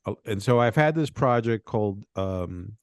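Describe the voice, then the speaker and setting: A Venezuelan game designer speaks loosely in a podcast interview, rambling and often tagging his thoughts with "right?". His voice is lowish with lively intonation at a normal speed, recorded in studio quality with no echo.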